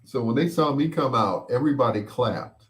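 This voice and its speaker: With a mid-range, expressive voice, this middle-aged host of a bedtime stories show rambles through casual chat and memories while responding to listeners. He takes his time, pausing frequently and saying things again.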